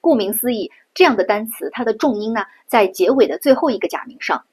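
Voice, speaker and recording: A middle-aged woman from China explains pronunciation step by step, repeating each sound patiently. Her voice sits slightly high and has a husky, breathy edge. She talks like a teacher guiding beginners. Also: animated, a little mellow. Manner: patient, demonstrating sounds slowly and repeating them. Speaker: Japanese language teacher. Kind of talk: pronunciation lesson.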